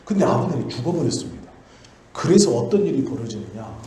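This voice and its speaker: In a very echoey church hall with faint noise, a male pastor preaches a sermon built around a Bible story. His medium-pitched voice is mellow, sing-song and fast, and he keeps it conversational by asking his own questions and answering them.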